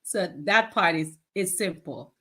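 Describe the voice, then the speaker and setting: A woman's voice: fairly low pitch, measured pace, bright, forceful tone, breathy edge. A woman in her fifties, a nonprofit founder, answering interview questions in an earnest, plain-spoken way and laughing easily. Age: 50s.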